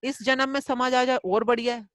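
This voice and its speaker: Coaching a student in a live online gratitude class over a video call, a middle-aged woman mixes Hindi and English and acts out everyday examples with lively quotes. She has a high voice at a normal speed, captured in a dry, studio-quality recording.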